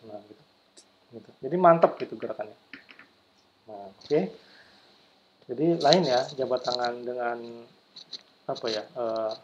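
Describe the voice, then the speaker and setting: A man gives a loose, conversational lecture to students, wandering through fillers and acting out small examples. His voice sits at an ordinary pitch. The recording sounds dull and lo-fi. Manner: loose, chatty, with fillers and demonstrations.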